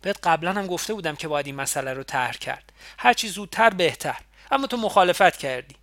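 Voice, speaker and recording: A man's voice: on the high side, expressive. A man reading an earnest young man who argues urgently and insistently. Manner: urgent and insistent, rising to loud protest.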